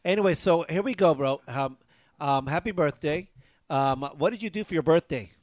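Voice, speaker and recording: A man's voice: on the high side, moderate pace, dry recording. Middle-aged man chatting, close dry sound. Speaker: talk show co-host. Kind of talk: casual chat.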